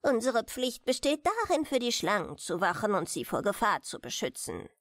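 Lady doing a tiny old dwarf king from a german fairy tale, high voice, very up and down, solemn and pleading. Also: very animated, normal speed, no echo, studio quality. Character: small grey dethroned dwarf king, aged, pleading, solemn.

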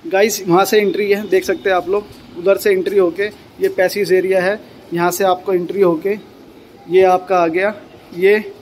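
This casual walkthrough vlog features a man in his thirties touring a new apartment building and pointing out features, shot on a handheld phone at arm's length. The high, darkish voice comes through a rough recording with slight background noise.

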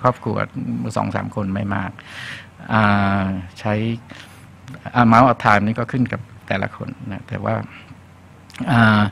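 Gravelly Thai man lecturing doctors. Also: lowish voice, a little hiss or hum. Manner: relaxed, frequent hesitations, mixes in English medical terms. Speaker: physician lecturer. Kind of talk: casual faculty lecture.

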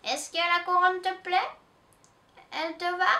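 A woman's voice: very high voice, fairly even intonation, a little slow, pitched above the performer's own voice, full character voice. A doting old grandpa, as a woman reads him. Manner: gentle, affectionate. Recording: roomy echo, distant mic.

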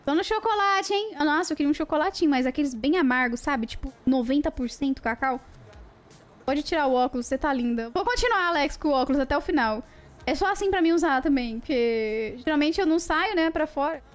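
A young woman with a high, bright-pitched voice chats playfully on a livestream, greeting viewers by name. Faint music plays quietly behind her. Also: a little fast. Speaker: live streamer. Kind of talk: casual livestream chat with viewers.

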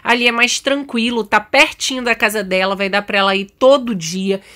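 A woman's voice: a little high, normal speed, pushed and bright. A Brazilian woman hosting a gaming channel, chatting casually to viewers while playing a mom in a game role-play. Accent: Brazilian Portuguese. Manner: chatty, addresses viewers directly.

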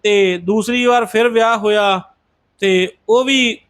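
A man retells a devotional story in an easy, conversational way and addresses his listeners respectfully as a congregation. His voice sits very high for a man. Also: fairly even intonation, slow pace, a bit bright. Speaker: Sikh religious storyteller.

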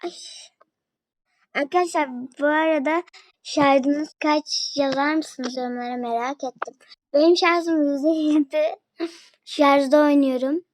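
High-voiced young woman chatting through gameplay. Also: unhurried, long pauses, low-quality recording. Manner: chatty, talks to viewers and a friend while playing. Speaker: gaming video creator. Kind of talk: casual gameplay commentary. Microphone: phone.

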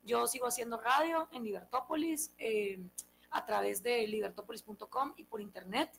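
A woman in her thirties from Guatemala with a Guatemalan Spanish accent, a guest in an interview, telling her family story in a lively way and acting out the dialogue. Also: fairly high pitch, normal speed, creaky, a little hiss or hum, poor audio. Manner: animated storyteller, acts out quoted dialogue. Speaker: guest, political scientist. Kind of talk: conversational interview.

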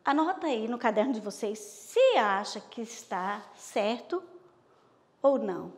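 A woman primary school teacher with a Bahian accent, giving a slow, patient recorded lesson and checking in with her pupils often. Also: a little high, animated, long reverb tail. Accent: Bahian Brazilian Portuguese.

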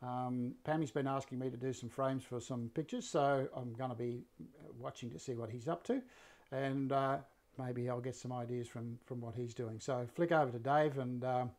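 A man in his sixties with a slightly croaky voice, casually explaining a woodworking build to a live audience from his workshop, full of fillers and restarts. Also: medium pitch, normal speed. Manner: relaxed, rambling, many fillers and restarts. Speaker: woodworking teacher and live-stream host. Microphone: fixed camera, mid-distance framing.

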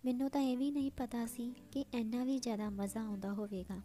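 A woman's voice: fairly high pitch, steady tone, fairly quick, dark tone, natural voice. A woman voicing a teasing young sister-in-law. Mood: tender. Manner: playful, coaxing delivery.

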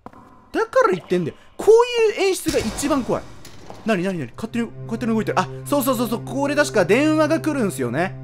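A male let's-player narrating a horror game, his voice swinging from low mutters to loud shouts. He is jumpy, yelping at every scare and scolding the screen, with faint game music under him. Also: wildly swooping pitch, quick pace. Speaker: game streamer.

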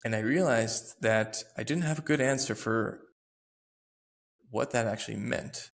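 A man's voice: mid-range voice, measured pace, vocal fry. A man in his thirties, a podcast host telling a personal story in an earnest, reflective way, often searching for words. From United States.

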